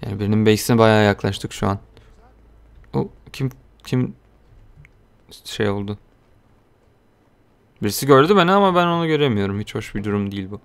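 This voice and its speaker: Young man, gameplay commentary, smooth clear voice, joking, excitable, game gunfire behind. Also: on the low side, normal speed, pauses often. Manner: joking, excitable, calls viewers "abi". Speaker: gaming video host.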